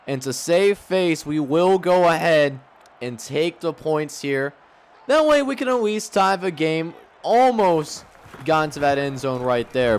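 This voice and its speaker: Male gamer-commentator, fairly high voice, announcer-style play-by-play with drawn-out key words, game stadium noise behind. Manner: announcer-like, stretches key words on big plays. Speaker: gaming video host commentating his own franchise game.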